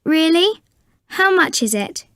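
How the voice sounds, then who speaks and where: A woman playing a polite shop customer in a scripted language-lesson dialogue, enunciating clearly with exaggerated intonation. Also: very high-pitched, expressive, slow pace, a bit bright, no echo, clean studio sound, heavily acted. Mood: polite, interested.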